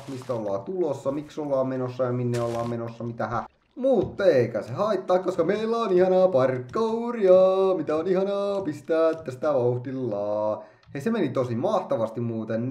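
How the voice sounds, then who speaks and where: Excitable man doing game commentary, echoey room. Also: medium pitch. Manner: excitable, chatty, makes silly sound effects. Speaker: gaming YouTuber. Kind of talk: playful let's-play commentary.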